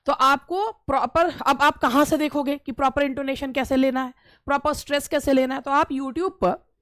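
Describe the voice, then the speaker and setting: A woman's voice: high-pitched, steady tone, normal speed, fairly bright tone, no echo. A middle-aged woman from India, giving casual instructional advice as a teacher, repeating phrases and hesitating often. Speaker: English teacher giving interview tips.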